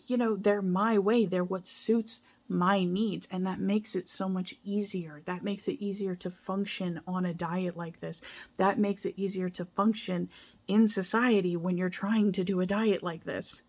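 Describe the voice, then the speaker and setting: A woman's voice: medium pitch, darkish tone. A young adult woman talking casually to her viewers in a vlog, earnest and emotional, rambling with restarts. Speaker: vlogger. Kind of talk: casual heartfelt vlog talk.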